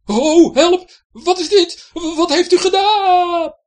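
A woman voicing a crew of male pirates who yell in panic as they slip, in a storybook reading. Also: very high-pitched, slow pace, pitched above the performer's own voice. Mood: panicked. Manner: yelling in panic.

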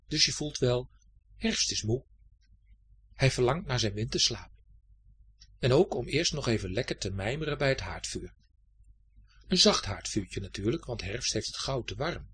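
A man reading a children's story aloud in a gentle, expressive way. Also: medium pitch, husky.

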